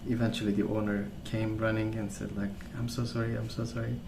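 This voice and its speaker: An ASMR video creator, a man with a fairly low pitch, rambles softly in a calm, gentle, unhurried way, telling stories in a casual ASMR style. The recording sounds roomy, with clear background noise.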